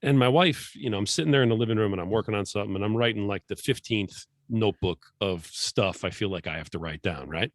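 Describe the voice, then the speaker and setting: Male podcast host, lowish voice, loose and encouraging, dry close mic. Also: fast talker, few pauses, dry recording. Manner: encouraging, rambling with many fillers. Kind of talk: casual interview chat. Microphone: podcast microphone.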